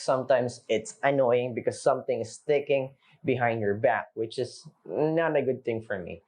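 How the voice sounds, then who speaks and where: Recorded on a camera mic, this unscripted product review comes from a young native Filipino speaker from the Philippines. He's relaxed and talkative with viewers, using plenty of fillers, and his pitch sits in the medium range.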